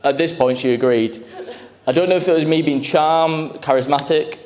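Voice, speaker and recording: A man's voice: a little high, moderate pace, darkish tone, in a large hall. A young man giving his groom's speech at a wedding reception into a handheld microphone, nervous and emotional, often laughing through his words.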